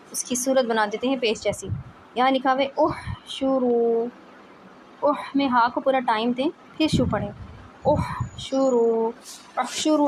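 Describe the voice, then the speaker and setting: A woman teaching tajweed one-on-one, patiently explaining letters and demonstrating each sound slowly. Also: on the high side, slight background noise, low-quality recording. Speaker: Quran recitation teacher.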